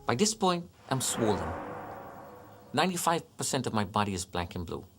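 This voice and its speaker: A man giving interview testimony in an emotional way, his voice often sinking low and quiet. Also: sing-song, moderate pace, over music. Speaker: interviewee, survivor.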